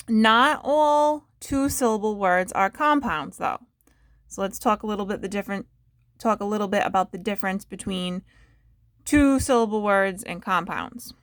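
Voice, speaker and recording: Slow, patient woman teaching phonics. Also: mid-range voice, a bit bright, no echo, clean studio sound. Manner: sounds out word parts slowly and clearly; patient, asks the listener questions. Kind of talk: phonics lesson for young children.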